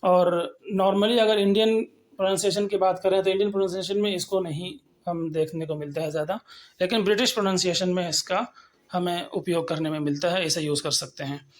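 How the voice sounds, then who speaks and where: A man teaching English pronunciation, explaining step by step and slowly sounding out example words. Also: high-pitched, steady tone. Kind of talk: lecture on phonetics.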